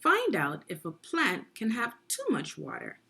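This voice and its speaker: Here a teacher guides young children through a science book, reading in a slightly husky female voice. Her delivery is unhurried and instructional, with animated rises and falls in pitch as she explains and quizzes her listeners.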